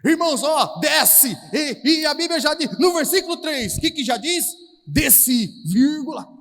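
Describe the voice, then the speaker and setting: A man with a Brazilian Portuguese accent preaching a charismatic sermon at a retreat, animated, calling out to the brothers and acting out Bible scenes in slangy everyday voices. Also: very high voice, unhurried. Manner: calls out to the audience, repeating "irmãos". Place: large hall at a retreat. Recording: reverberant hall sound.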